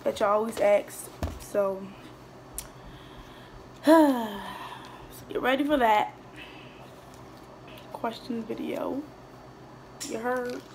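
Here the teenage vlogger speaks very slowly with long pauses, her slightly high voice a bit mellow. Eating as she goes, sometimes talking with food in her mouth, she rambles through viewer questions with fillers and restarts; the phone on her table in a small room picks up slight background noise.

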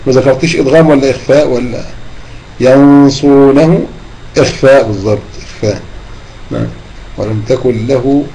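Egyptian man, tajweed teacher, mellow tone, slow drawn-out recitation examples, faint hiss. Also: medium pitch, rough recording. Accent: Egyptian Arabic. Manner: patient, drawn-out demonstration of recitation. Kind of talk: online tajweed lesson.

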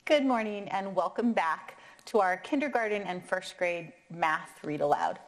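An American woman in her thirties reading aloud to young children in a kindergarten teacher voice, counting deliberately and prompting with questions. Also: on the low side. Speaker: kindergarten and first grade math teacher. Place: indoor classroom or meeting room, seated at a table.

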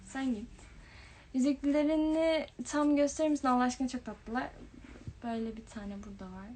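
A woman's voice: high voice, fairly even intonation, normal speed, darkish tone. A young woman hosting a casual livestream, reading viewers' comments aloud and answering them in a chatty way. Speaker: livestream host. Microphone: phone or webcam livestream.

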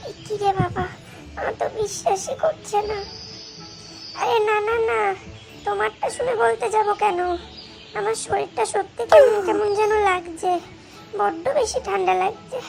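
A woman's voice: very high voice, normal speed, creaky, pauses often, exaggerated voice. A woman voicing a cheeky, sulky little girl in a cartoon, whining and fake crying. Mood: pleading. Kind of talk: Bengali cartoon voice acting. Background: background music.

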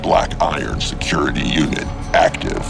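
A man voicing a stern security robot in a video game, giving flat, clipped status announcements. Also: extremely low pitch, normal speed, creaky, loud music behind the voice. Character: stern male security robot, cold and commanding.

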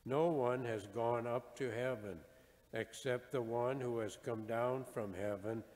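Man, deacon, very slow measured gospel reading, formal, long church reverb. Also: medium pitch, steady tone, a little mellow. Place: large church.

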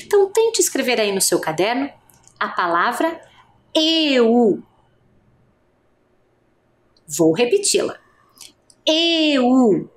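A woman's voice: fairly high pitch, very animated, normal speed. A woman teacher giving an adult literacy lesson, speaking patiently and stretching out each vowel sound.

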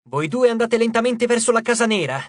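A man voicing a clumsy but brave teenage demigod boy who shouts urgent warnings to his friends. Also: extremely high pitch, animated, fairly quick, no room sound, clean studio sound, voice pushed up.

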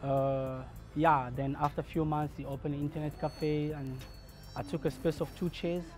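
Flat-voiced barber man, hesitant. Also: on the high side, moderate pace, faint music behind. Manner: hesitant, many restarts and fillers. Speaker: barbershop owner. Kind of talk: documentary interview. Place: barbershop, indoors.

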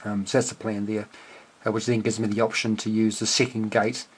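Slightly rough and a bit fast, his lowish voice stays flat as he talks through a hobby project unscripted. This middle-aged ham radio enthusiast and video host is at a cluttered workbench desk in a small room, thinking aloud hesitantly and understatedly.

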